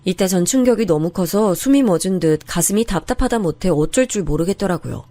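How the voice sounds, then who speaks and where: Woman telling her own story, earnest and confiding, low mellow voice, dry sound. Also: animated, a little fast, dry recording. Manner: earnest, confiding first-person retelling. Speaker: narrator of a true-story drama. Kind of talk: scripted first-person storytelling.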